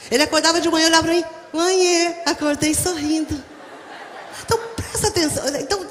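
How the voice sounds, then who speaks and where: A lively middle-aged Brazilian woman pastor delivers a sermon in a high, animated voice, joking with the congregation. Her words ring out in a large reverberant church hall with faint room noise behind. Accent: Brazilian Portuguese. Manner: animated, humorous, addresses the congregation directly. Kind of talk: sermon with storytelling. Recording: echoey hall, faint ambience.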